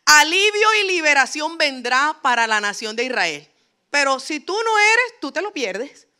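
A woman preacher acting out the biblical Mordecai as a reproachful elder, speaking in a higher, brighter voice than her own. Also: lively intonation, moderate pace. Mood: firm. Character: Mordecai, older male elder, urgent and reproachful.

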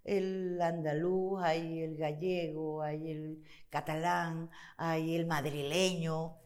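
An actress chatting as a guest in an interview, lively and quick to laugh, breaking into accent impressions. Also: female voice, low voice. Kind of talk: casual interview chat. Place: studio in Chile.

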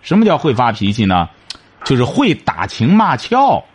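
Husky man lecturing on a radio call-in show. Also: mid-range voice, huge pitch swings, normal speed. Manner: lecturing, emphatic, repetitive. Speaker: radio advice host.

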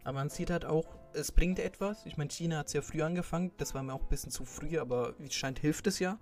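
A man's voice: fairly high pitch, fast, soft background music. A young man talking casually in a rambling way, with many fillers and restarts. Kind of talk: casual chat.

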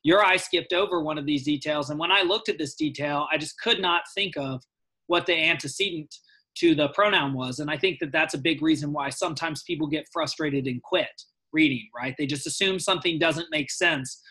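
Bright-voiced inquisitive man. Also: on the high side, fairly quick, slightly rough, rough recording. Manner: inquisitive, reflective, asks questions. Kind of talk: conversational close reading.

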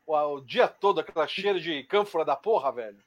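A man talks fast in a loose chat, cutting in and cursing freely. His pitch is fairly high and leaps around as he argues. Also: dull audio. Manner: excitable, swears a lot, talks over others. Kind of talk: casual chat.

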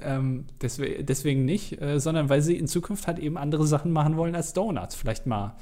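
A man's voice: on the high side, fairly quick, dark tone. A man hosting a podcast in casual, joking chat, rambling and often stumbling into restarts. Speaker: podcast host.

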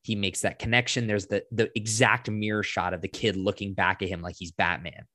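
Low-voiced man gushing through a recap. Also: fairly quick, no room sound, clean studio sound. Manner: excited, profane scene-by-scene recap; breathless run-on storytelling. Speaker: podcast co-host. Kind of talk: casual movie review chat.

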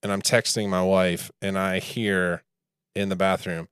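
A man co-hosting a casual podcast, telling a rambling family anecdote in a relaxed, chuckling way. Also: low-pitched, unhurried, smooth, no room sound, studio quality. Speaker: podcast co-host.

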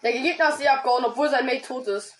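A woman chatting with teammates during an online shooter match, trading slangy callouts and sometimes shouting in excitement. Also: high voice, fast talker, a little hiss or hum. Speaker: gamer. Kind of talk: excited gaming chat with teammates.

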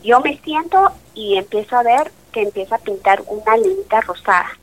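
This interview features a woman in her late thirties, a doctor, recounting her faith with emotion and acting out each exchange in a lively storytelling style. She talks at normal speed in a voice on the high side, and the audio is rough.

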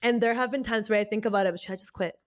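A podcast co-host with a mid-range voice talks rapid-fire in casual, slangy chat, gushing and giggling as she goes. The conversation includes tarot card readings, which she reads out.

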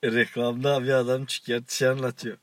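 A man's voice: medium pitch, little pitch movement, normal speed, no echo. A man co-hosting a casual chat show, teasing, giggling and cutting in. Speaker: co-host.

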